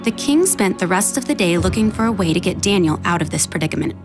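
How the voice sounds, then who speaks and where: A woman's voice: lowish voice, animated, quick pace, music in the background. A woman reading scripted narration for a Bible story as narrator.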